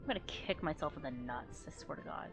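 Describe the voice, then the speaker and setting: Low-voiced woman rambling on a livestream. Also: animated, quick pace, soft background music. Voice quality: low natural voice. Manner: rambling and profane, trails off into mumbles. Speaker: streamer. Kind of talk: casual livestream chat.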